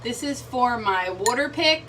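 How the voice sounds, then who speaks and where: A woman's voice: fairly high pitch, expressive, a little slow, fairly bright tone, recorded from a distance, a little hiss or hum, rough recording. Chatty young mom touring her bathroom. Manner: chatty, walks viewers through items. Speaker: vlogger. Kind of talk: casual clean-with-me vlog. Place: home bathroom.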